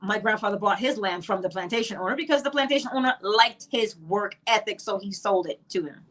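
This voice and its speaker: Her voice is mid-range, animated and fairly bright, moving at a fairly quick clip. She's a middle-aged Barbadian woman with a Barbadian accent, giving an emphatic teaching monologue on manifestation and spiritual law, packed with rhetorical questions.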